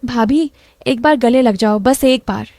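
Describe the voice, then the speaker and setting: A lovestruck young man, as a woman reader puts him on in a spoken story, soft and coaxing. The voice sits fairly high and mellow. The sound is close and dry, with no room around it. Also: measured pace, dry recording. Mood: tender.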